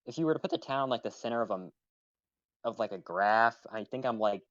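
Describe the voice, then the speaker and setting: A man's voice: medium pitch, lively intonation, a little fast, fairly bright tone, dry recording, lo-fi sound. A man playing along in a game chat, talking hesitantly with many restarts. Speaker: fellow player. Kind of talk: casual gameplay chat.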